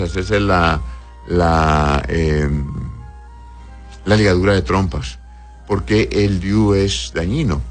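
A low-voiced male doctor answers listeners' health questions patiently, explaining things clearly. He often checks in with "right?" and calls patients "my love."

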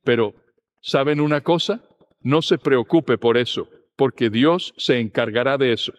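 A man preaching a sermon, speaking in a steady, earnest teaching manner. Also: mid-range voice, measured pace.

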